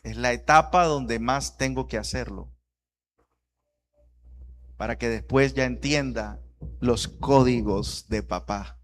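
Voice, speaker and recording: A man in his thirties, a pastor, preaching a sermon that moves from quiet reflection to loud, rising repetition. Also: medium pitch, slow, pauses often, slight background noise.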